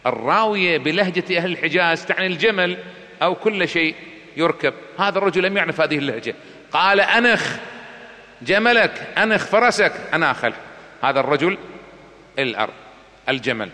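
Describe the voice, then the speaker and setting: A man preaching a sermon, telling a story with passion and chanting poetry loudly and slowly. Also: fairly high pitch. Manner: impassioned storytelling, recites poetry in a loud slow chant. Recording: long hall reverb.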